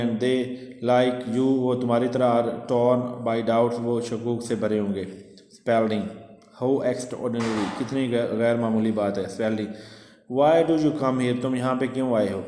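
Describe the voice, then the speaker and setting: A man with a Pakistani accent, an English teacher reading a textbook aloud and translating it word by word in a slow, deliberate way. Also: medium pitch, warm tone. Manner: slow, deliberate reading, repeating words with meanings. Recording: echoey hall with long reverb.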